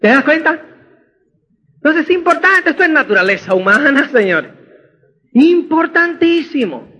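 A man's voice: extremely high pitch, sing-song, a little slow, pushed and bright. A man giving a motivational seminar talk, emphatic and often checking that listeners understand, recorded with dull lo-fi sound. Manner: emphatic, keeps asking "¿me entiendes?". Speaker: motivational speaker. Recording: dull lo-fi audio.

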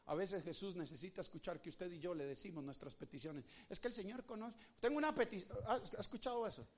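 A man with a Rioplatense Spanish accent preaching a sermon as pastor, swinging his pitch widely and acting out the voices in the story. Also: expressive, fast talker.

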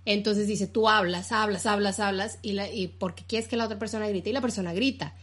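A Mexican woman in her thirties co-hosts a relaxed talk show. She walks through ideas at length, trailing off and restarting as she thinks aloud, in a mid-pitched voice. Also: fairly quick, husky. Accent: Mexican Spanish. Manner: explains at length, restarts often. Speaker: podcast co-host. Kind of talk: casual chat.

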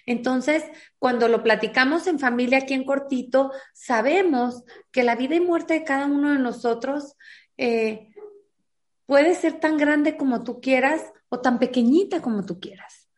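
Earnest high-voiced woman. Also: unhurried. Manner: earnest, acts out quoted dialogue. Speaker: guest, foundation founder. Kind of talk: emotional personal storytelling.

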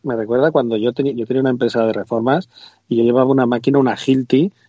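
A man's voice: mid-range voice, steady tone, racing, dark tone, no room sound, dull audio. A man on a tech podcast, reasoning aloud and recalling his old job. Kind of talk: casual tech podcast chat.

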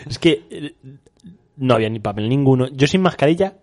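A man's voice: mid-range voice, expressive, fairly quick, a little mellow. A young man from Spain chatting casually with a friend, rambling through anecdotes with many restarts. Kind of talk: casual chat.

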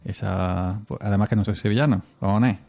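Rambling and often chuckling, an Andalusian man co-hosts a casual podcast chat with a Spanish accent from his region. His voice is low, gravelly and darkish, delivered briskly with fairly even intonation.

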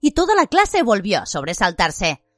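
A woman narrating a story in an expressive, scripted way. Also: medium pitch, normal speed, no echo, studio quality. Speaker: audiobook narrator.

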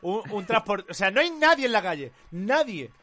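High bright-voiced man storytelling. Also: normal speed. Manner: animated storyteller, shouts out quoted lines. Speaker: podcast co-host. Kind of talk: casual chat, streamed podcast.

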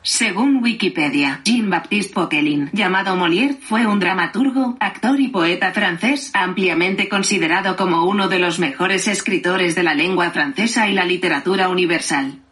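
A woman's voice: fairly low pitch, normal speed, hardly any pauses, a bit bright. A synthetic female voice assistant reads encyclopedia facts aloud in an informative way.

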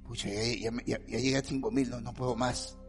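A man acting out an awed, weary old patriarch, murmuring very quietly and low. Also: lively intonation, moderate pace, vocal fry, big-room sound, soft background music, exaggerated voice.

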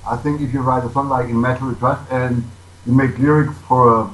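A man's voice: medium pitch, fairly even intonation, a little fast. A man speaking non-native English as a musician being interviewed, casually answering in simple, repetitive phrasing. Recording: echoey room with background noise.

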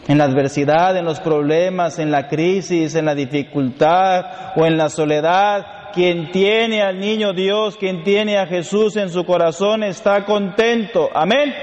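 A priest with a high-pitched voice delivers an unhurried, emphatic sermon and keeps checking in with his listeners through rhetorical questions. His words ring out with a long reverb in a church, with faint noise behind him. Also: darkish tone. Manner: slow, emphatic preaching with repeated rhetorical questions.

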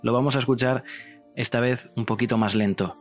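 A man's voice: medium pitch, fairly even intonation, faint music behind. Earnest man hosting a show. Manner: earnest, insistent, slows for emphasis. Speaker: host of a paranormal show. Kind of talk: confessional radio-style narration.

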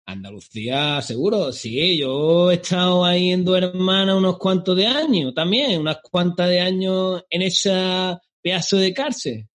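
Guy doing a high-voiced galician narco, cocky and crude, threatening everyone. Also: a little slow, hardly any pauses, fairly bright tone. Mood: menacing swagger. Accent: put-on Galician Spanish. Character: boastful middle-aged male Galician drug lord, menacing. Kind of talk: improvised comedy podcast sketch.

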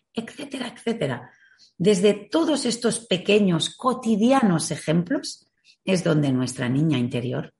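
A woman giving a reflective talk on emotional growth and parenting. She asks many rhetorical questions and slows down to stress key phrases. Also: sits low, a little mellow.

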